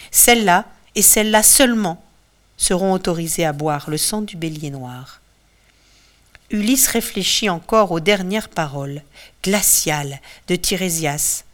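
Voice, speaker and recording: Expressive woman reading a storybook. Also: fairly low pitch. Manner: expressive, dramatic. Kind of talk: scripted storybook narration.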